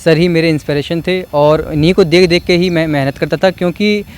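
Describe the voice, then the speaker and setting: A man's voice: on the high side, steady tone, a little fast, darkish tone, clean tone. A young man, a student speaking modestly and matter-of-factly about his exams and an injury. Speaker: student at a police exam academy.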